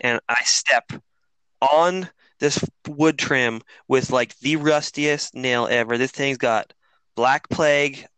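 A man's voice: mid-range voice, takes it slowly, smooth, no echo, poor audio. A middle-aged man telling a long story in casual chat, rambling and swearing freely with lots of fillers. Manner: profane, rambling, animated storyteller.

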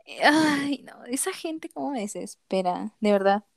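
A young woman with a Mexican accent chatting casually, animated and exasperated, cursing and laughing often. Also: a little high, measured pace, vocal fry, no room sound, studio quality. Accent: Mexican Spanish. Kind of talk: casual chat.

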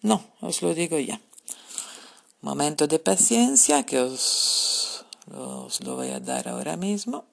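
A woman's voice: low-pitched, wildly swooping pitch, slow, gravelly. A woman teaching grammar in a recorded podcast lesson, patiently repeating her points and spelling out examples. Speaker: language teacher.

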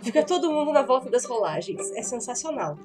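A Brazilian woman talks through game rules with animated energy, often breaking into laughter. Her voice sits high. Music plays clearly behind her. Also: brisk. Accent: Brazilian Portuguese. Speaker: podcast co-host, game designer. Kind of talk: casual podcast chat explaining game rules.

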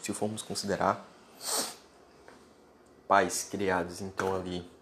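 A podcast host talks into a close mic in a low, fairly monotone, slightly slow and somewhat bright voice. His solo monologue is a blunt, informal lecture aimed straight at the listener, with a faint ambient hum underneath.

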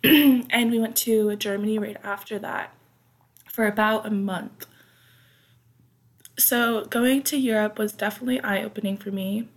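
A young woman hosting a podcast, rambling casually with many fillers, her throat dry as she talks quietly. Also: mid-range voice, steady tone, a little slow, long pauses. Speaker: podcast host.

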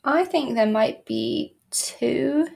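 A woman's voice: sits high, lively intonation, drawn-out words, vocal fry, a little mellow, slightly rough. A woman co-hosting a casual podcast, chatty and full of fillers, her voice a little worn. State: losing her voice a bit. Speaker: podcast co-host.

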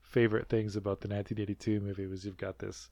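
Speaking quickly with vocal fry, this North American man has a low-leaning, darkish, level voice and a dry, roomless sound. As a podcast co-host in casual chat, he rambles through many fillers and restarts and laughs a lot.

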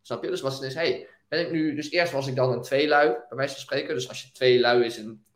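A young man, a business owner and guest, telling his story in a casual interview with animated energy and frequent laughs. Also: medium pitch, fairly quick, reverberant. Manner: animated storytelling, laughs often, fillers like "weet je wel".

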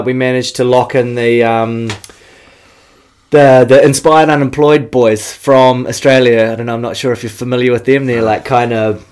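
A man's voice: medium pitch, darkish tone. A man from New Zealand with a New Zealand accent, chatting casually as a snowboarder guest in an interview, laid-back and slangy, swearing now and then.

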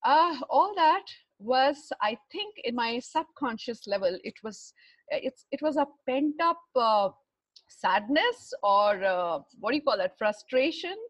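A woman's voice: on the high side, expressive, no room sound. Reflective middle-aged woman, educated Indian accent. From Bihar, India. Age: 40s or older. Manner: halting, reflective, searching for words. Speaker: interview guest, runner and fitness trainer. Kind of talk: personal life story in conversation.

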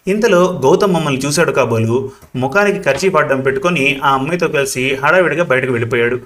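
A man's voice: medium pitch, fast talker, fairly bright tone, close to an everyday voice. A man reading the part of a middle-aged woman who hesitantly confides a worrying secret to her older sister. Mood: confiding.

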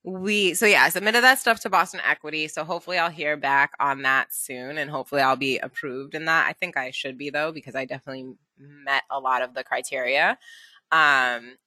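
A woman's voice: low-pitched, pushed and bright, no echo. A woman talking in a casual podcast chat, chatty with lots of fillers and frequent laughs.

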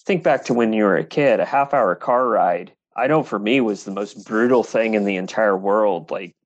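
A man's voice: lowish voice, moderate pace, no echo, lo-fi sound. A man on a podcast panel who thinks aloud, reaching for words as he goes. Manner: thoughtful, searches for words with "like" and "in terms of". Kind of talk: casual roundtable discussion.

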